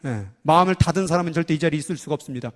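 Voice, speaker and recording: Korean pastor guy preaching, kinda high voice, acts out prayers, echoey church hall. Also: very fast. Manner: animated, acting out quoted prayers and voices. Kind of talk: sermon.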